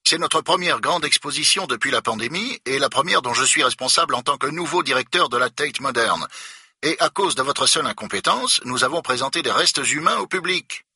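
A man's voice: mid-range voice, lively intonation, a little fast, sharp tone, husky, no room sound, studio quality, voice pushed up, full character voice. A man voicing a curt, irritated male museum director on the phone, speaking in a clipped, pinched way. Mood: indignant.

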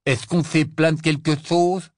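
A man voicing a blunt, impatient teenage boy wizard who talks in loud exclamations. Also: mid-range voice, normal speed, no room sound, studio quality, natural voice.

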